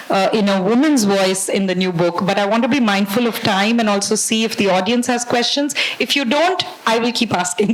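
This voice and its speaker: A woman's voice: medium pitch, low-quality recording. Engaged woman moderating a panel. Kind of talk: festival panel discussion.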